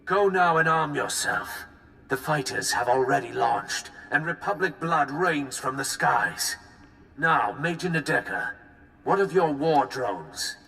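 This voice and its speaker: An actor playing a pompous, bloodthirsty dark lord in a video game, grandly commanding his troops with a gravelly, forceful delivery. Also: fairly high pitch, animated, unhurried, full character voice. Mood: grandiose.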